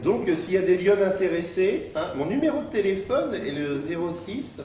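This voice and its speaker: A man's voice: sits high, expressive, normal speed, warm tone. A man presenting a comic horoscope sketch on stage, joking and playing with words between chuckles. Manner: joking, wordplay, chuckling asides. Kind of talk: live comedy sketch on stage. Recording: echoey distant live stage recording with noise.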